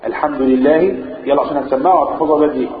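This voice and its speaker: A man with an Egyptian Arabic accent teaching Quran recitation rules, questioning his listeners and answering himself, drawing words out slowly when quoting the text. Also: on the high side, crowd noise. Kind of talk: classroom lesson explaining verses. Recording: echoey, phone-like, listeners audible.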